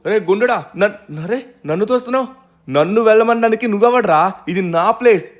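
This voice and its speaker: A hard-working young hero narrates to viewers in a game role-play dub, voiced by a man. He speaks in a fairly high register and flares up quickly when crossed. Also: fairly even intonation, close to an everyday voice. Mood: angry. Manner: talks straight to viewers, quick to anger. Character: hard-working young man defending his tree house. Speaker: main character and narrator.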